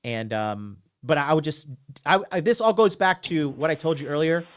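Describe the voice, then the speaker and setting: A man's voice: fairly high pitch, animated, normal speed, smooth. Emphatic man hosting a call-in show. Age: 30s. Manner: emphatic, repeats himself, says okay a lot. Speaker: call-in show host and dating coach. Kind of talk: casual call-in advice talk.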